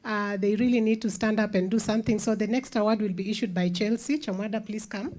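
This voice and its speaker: A woman's voice: mid-range voice, steady tone, quick pace, darkish tone. A woman, a co-director reading out raffle numbers at an event, casual and chatty with hesitant fillers. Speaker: co-director drawing raffle winners.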